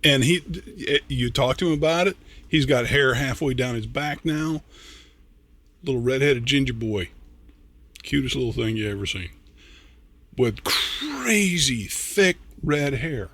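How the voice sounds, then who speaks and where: An older man hosting a reaction video, talking casually in a rambling, halting way with some swearing, a little tipsy and slurring. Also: medium pitch, expressive, fairly bright tone.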